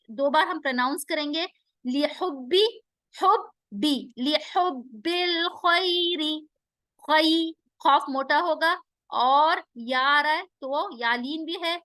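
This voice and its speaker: A woman's voice: high-pitched, bright, forceful tone, dry recording, clean studio sound. A woman teaching Quran recitation rules to students. She draws out verses in melodic recitation, explains each rule, and quizzes her pupils. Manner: switches between drawn-out melodic recitation and quick explanation; quizzes students and affirms answers.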